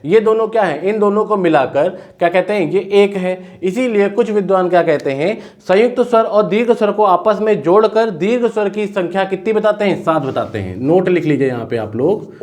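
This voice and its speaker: A man's voice: high voice, a little mellow. Man teaching, dictating notes. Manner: repetitive, dictating notes slowly word by word; asks questions and answers them himself. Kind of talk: classroom lecture.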